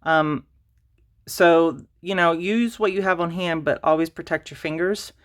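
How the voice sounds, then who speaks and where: A woman's voice: on the low side, measured pace. A woman hosting a casual craft tutorial, rambling and self-deprecating with lots of fillers and restarts, a little out of breath. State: slightly out of breath. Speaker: crafting channel host.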